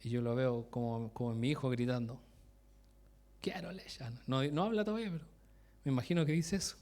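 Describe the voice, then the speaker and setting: A man's voice: medium pitch, fast, darkish tone. A man giving a conversational sermon, often breaking off mid-sentence, asking his listeners direct questions and laughing at his own stories. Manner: asks the congregation direct questions. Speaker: preacher.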